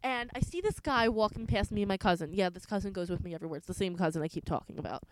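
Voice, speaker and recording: Chatty young woman, smooth close voice. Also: medium pitch, very fast, dry recording, rough recording. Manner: chatty storyteller, many "like" fillers. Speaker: podcast co-host. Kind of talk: casual chat.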